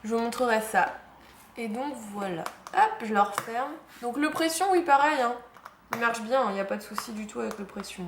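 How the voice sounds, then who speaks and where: A woman's voice: a little high, normal speed. Chatty young woman, echoey room. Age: young adult. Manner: chatty, fond of small cute details, says "hop" at each page. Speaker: planner vlogger. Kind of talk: casual unboxing commentary. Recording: echoey room with faint noise.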